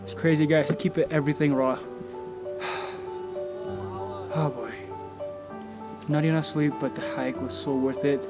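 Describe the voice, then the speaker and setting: A young man talking excitedly to his viewers in a casual vlog from a mountain summit outdoors, repeating himself as he points things out. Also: a little high, unhurried, pauses often, music in the background. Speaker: vlogger.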